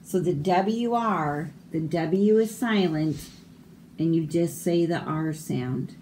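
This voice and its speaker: A woman teacher reading a picture book aloud to young children, explaining each word slowly and carefully. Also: deep voice, expressive, darkish tone, a little hiss or hum. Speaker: elementary school teacher.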